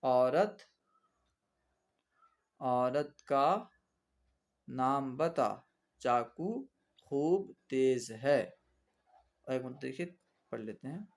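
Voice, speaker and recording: A male teacher leads a reading lesson at an unhurried, deliberate pace. He spells out each letter and vowel mark, then says the whole word and repeats it. His voice sits at an ordinary middle pitch and stays patient throughout. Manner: spells out letters and vowel marks, repeating words aloud for students; patient, instructive.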